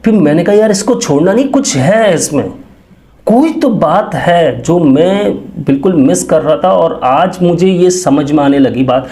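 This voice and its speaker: A man's voice: a little high, expressive, measured pace, mellow. A man in his thirties telling his own life story in an earnest, rambling way, full of restarts and quoted thoughts to himself. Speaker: speaker sharing a personal story. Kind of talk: casual personal testimony.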